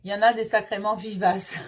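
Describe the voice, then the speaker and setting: A woman's voice: mid-range voice, level tone, normal speed. A woman medium giving a casual tarot reading, reassuring and chatty, addressing the listener affectionately. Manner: reassuring, calls the listener "mon petit chéri"; chatty, with frequent fillers and repeats.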